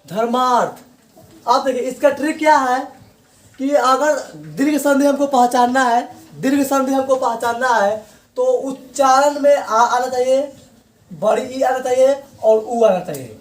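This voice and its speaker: A man's voice: extremely high pitch, unhurried. A man teaching Hindi grammar, repeating each point as a question and answering it himself. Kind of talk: classroom grammar lesson. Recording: echoey room, voice from far off.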